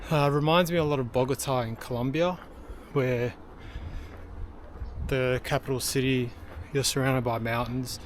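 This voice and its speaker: A man's voice: medium pitch, fairly even intonation, measured pace, slight background noise. Breathless man vlogging on a hike. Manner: rambling, many ums and uhs. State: out of breath from hiking uphill. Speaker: travel vlogger. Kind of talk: casual walking vlog narration. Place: outdoors on a hillside trail. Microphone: handheld camera.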